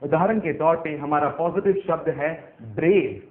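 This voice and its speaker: A man teaching English grammar, spelling words out letter by letter in a slow, careful way. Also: a little high. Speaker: English trainer. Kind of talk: explanatory grammar lesson. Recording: echoey, phone-like narrow sound.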